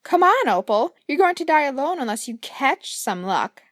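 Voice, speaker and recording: A woman voicing a pompous, snobbish young princess in an audiobook, taunting in a high, sing-song voice. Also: very animated, normal speed, a bit bright, no echo, clean studio sound.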